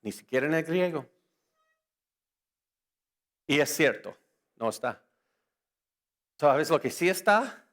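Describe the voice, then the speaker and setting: This man, a native English speaker, has a mid-range voice with vocal fry. As a conference speaker at a church, he gives a lively apologetics lecture full of jokes and rhetorical questions aimed at the crowd.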